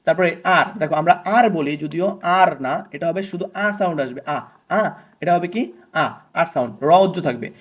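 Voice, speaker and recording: Man teaching a basic grammar lesson. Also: fairly high pitch. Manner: asks questions and answers them himself; repeats sounds slowly for students to copy. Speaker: English teacher.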